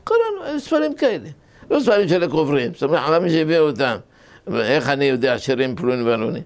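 A man's voice: medium pitch, creaky. Man teaching a Torah lesson. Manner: explains step by step, asks and answers his own questions; tells anecdotes, voice jumps up when stressing points. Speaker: rabbi teaching a class.

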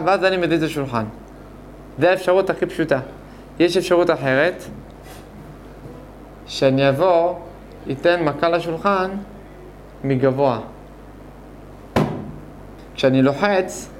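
A man teaching a Hebrew grammar lesson, explaining slowly and repeating points while asking his students questions. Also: fairly high pitch, a little hiss or hum. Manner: slow, repetitive explaining with questions to the class. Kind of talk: classroom lesson.

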